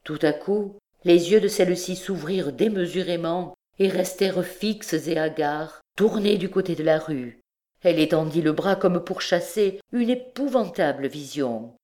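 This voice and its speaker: A woman narrates an audiobook of a classic novel with steady, expressive storytelling. Her voice sits low for a woman, calm and even. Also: a little slow. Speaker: audiobook reader.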